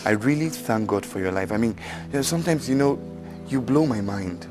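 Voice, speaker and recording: A man's voice: mid-range voice, expressive, brisk, music in the background, natural voice. An actor with a Nigerian accent playing a caring male friend who stammers and talks in an earnest, preachy way. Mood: tender. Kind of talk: film drama acting.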